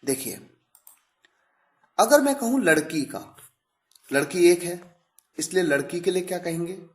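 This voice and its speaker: A man giving a recorded grammar lecture, explaining patiently, repeating examples and drawing out sample phrases slowly. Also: high voice, big pitch swings. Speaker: English grammar teacher.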